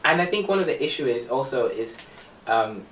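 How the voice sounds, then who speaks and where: A man in a casual panel discussion who talks haltingly with many restarts and laughs often. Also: medium pitch, expressive, fairly bright tone. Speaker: panel guest. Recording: roomy sound from a distance with faint noise.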